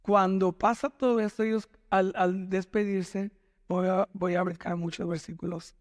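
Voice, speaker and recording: High-voiced pastor in a reverberant church. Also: male voice, flat delivery. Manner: dramatic, acts out the characters' words, slow emphatic delivery. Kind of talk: Father's Day sermon, retelling Bible story. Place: church hall.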